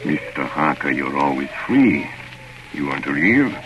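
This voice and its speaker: An actor playing a sinister, courteous old vampire count in 1930s radio drama style, slow, formal and mockingly polite. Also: male voice, a bass voice, sing-song, a bit bright, heavily acted. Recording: muffled, noisy old radio recording.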